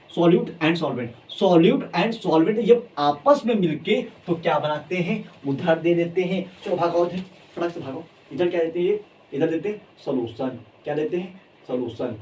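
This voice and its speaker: A high-pitched man teaching chemistry with lively energy, drilling key terms over and over and coaxing his students along. He sounds a little away from the mic, with faint room ambience behind him. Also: recorded from a distance, slight background noise, rough recording. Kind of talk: energetic classroom lecture.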